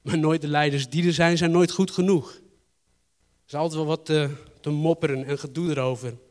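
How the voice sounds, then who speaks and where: A man preaching in a conversational, storytelling way, with a fairly high voice. He now and then slips into a doubting character's voice. The sound has the long reverb of a church hall. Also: steady tone, a little fast, a little mellow. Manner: conversational, acts out Gideon's doubting voice. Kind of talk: sermon.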